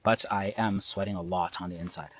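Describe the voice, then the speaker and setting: Vlogging solo on a forest trail in the rain, a low-voiced man talks fairly quickly with fairly even intonation, nasal and somewhat weary. His casual, rambling diary pokes fun at himself against a noisy backdrop of stream and forest.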